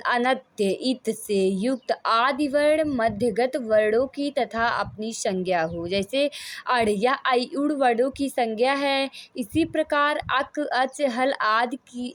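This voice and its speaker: A woman's voice: fairly high pitch, no echo. A woman teaching Sanskrit grammar, reading out rules and then explaining them, drawing out vowel sounds to show their length.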